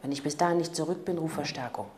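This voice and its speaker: A man's voice: fairly high pitch, quick pace, roomy sound, slight background noise, lightly acted. A woman reading the lines of a wry, guarded male police detective in an audiobook, in a dry, curt manner. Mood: firm.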